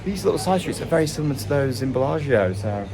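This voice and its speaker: A man's voice: medium pitch, animated, fast talker, crowd noise. A young man hosting a casual travel vlog, chatting with his companion as they walk. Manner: chatty, asks companion questions. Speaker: travel vlogger host. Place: outdoors in a lakeside village. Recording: outdoor street noise.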